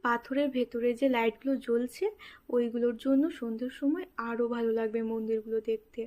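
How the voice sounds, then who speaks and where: A woman with a Bengali accent gives a calm, informative voice-over for her vlog. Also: on the high side, fairly quick. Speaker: vlogger. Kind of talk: voice-over narration.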